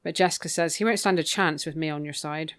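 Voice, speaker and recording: A woman co-hosting a podcast chats casually through a book recap, dropping wry, opinionated asides. Her voice is low-pitched and quick, and the recording is dry.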